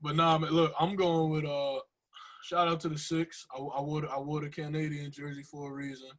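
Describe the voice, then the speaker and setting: A man's voice: a little high, flat delivery, moderate pace, a bit bright. A young man hosting a podcast in casual, slangy conversation, repeating phrases for emphasis. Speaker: podcast host.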